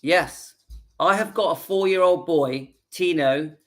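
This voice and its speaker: Speaking slowly in a slightly high voice, a channel host in his fifties vlogs casually from home straight to the camera. He earnestly rallies his audience and goes back over his points to drive them home.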